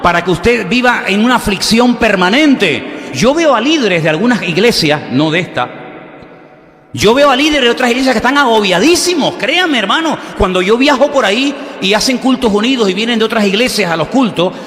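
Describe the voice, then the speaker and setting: A male pastor preaches with a fairly high voice, telling jokey little dialogues to his congregation. His voice rings with a long echo, as it would in a big church hall. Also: animated, brisk, fairly bright tone. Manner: humorous, conversational preaching with acted-out dialogues. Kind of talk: sermon. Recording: echoey hall.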